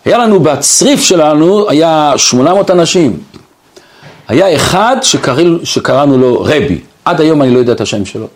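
A man telling a story aloud, acting out the voices of the people in it and moving between hushed and raised tones. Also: on the high side, lively intonation. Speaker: storyteller retelling a survivor's account. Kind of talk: spoken storytelling.

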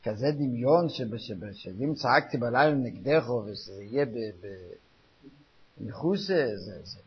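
A man's voice: medium pitch, animated. An older man talking informally as a rabbi, emphatic, repeating phrases for weight. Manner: emphatic, repeats phrases, mixes in Yiddish-style German. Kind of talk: informal talk to listeners. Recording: dull, lo-fi recording.

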